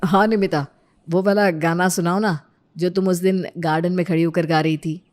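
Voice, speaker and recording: A woman's voice: on the low side, fairly even intonation, moderate pace, a little mellow, pitched below the performer's own voice, close to an everyday voice. A woman voicing an impatient young husband in a cartoon story, coaxing at times and exasperated at others. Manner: exasperated, complaining.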